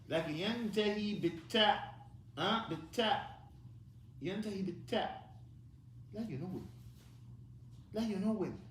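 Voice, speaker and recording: In an echoey mosque room, a man teaches an Arabic class, mixing Arabic and English as he patiently prompts and corrects his students. His voice is high and a bit bright, and there is a little hiss or hum in the recording.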